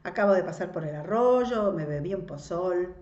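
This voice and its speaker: A woman's voice: on the low side, animated, normal speed, a little mellow, echoey room, muffled recording, close to an everyday voice. A woman reading aloud, voicing an ironic and arrogant man who has come back home as a godson. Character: proud middle-aged ironic man, a returning godson.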